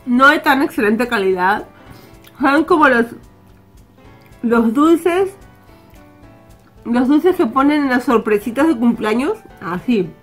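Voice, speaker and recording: A woman's voice: sits high, lively intonation, takes it slowly, pauses often, slightly rough. A woman, talking casually with her mouth full of candy during a snack taste test. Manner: chatty, talking while chewing. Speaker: vlogger tasting snacks. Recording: music playing faintly behind.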